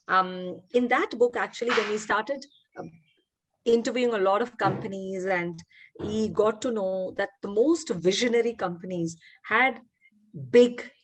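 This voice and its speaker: Woman facilitator on a video call, encouraging, quizzing the group. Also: medium pitch. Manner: warm encouraging, asks participants questions. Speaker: workshop facilitator and founder. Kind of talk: online workshop teaching.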